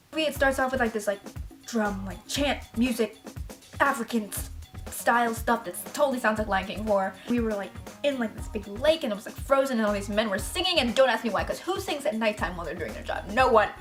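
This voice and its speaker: A woman's voice: a little high, a bit bright. A woman chatting in a rambling vlog, full of fillers and self-corrections as she recaps a movie. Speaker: vlogger. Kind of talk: casual movie commentary vlog.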